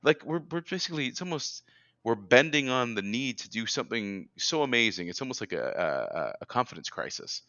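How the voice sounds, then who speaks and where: A man's voice: mid-range voice, fairly quick, no room sound, dull audio. A man hosting an interview, talking energetically and emphatically as he builds his point. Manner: energetic and emphatic, rising with excitement. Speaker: interview host. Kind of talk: conversational interview.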